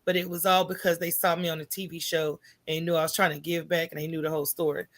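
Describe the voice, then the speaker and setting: Her voice sits low and she talks fast: an American woman guesting on a podcast, telling candid, animated stories in colloquial style and checking in often with "right?".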